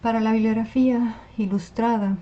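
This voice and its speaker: A woman's voice: a little high, fairly even intonation, normal speed. A woman teacher, patiently explaining and checking in with her class. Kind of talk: online class lecture on Spanish spelling. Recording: slightly dull lo-fi recording.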